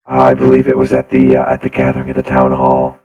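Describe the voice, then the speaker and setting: A flat robotic lord. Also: male voice, rumbling low, muffled recording, voice pushed down. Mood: stiffly courteous. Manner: courtly, hesitant, halting speech. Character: monotone robot lord posing as a human noble. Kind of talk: in-character tabletop roleplay.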